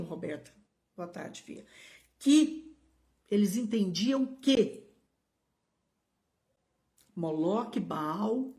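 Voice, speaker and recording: Preaching to a live-stream audience, this middle-aged pastor with a Brazilian Portuguese accent speaks with emphasis, calls out viewers by name, and lets out sudden high exclamations. Her voice has a darkish tone.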